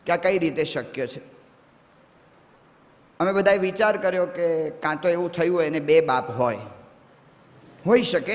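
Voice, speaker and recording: A male monk giving a sermon in speech, telling stories slowly and putting questions to his listeners. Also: sits high. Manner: slow, story-telling delivery with rising questions to the audience. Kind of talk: sermon with storytelling. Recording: long hall reverb.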